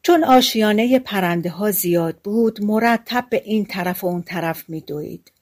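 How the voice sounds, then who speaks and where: Woman narrator, fairy-tale audiobook, calm colloquial telling, mid-range voice. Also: mid-range voice.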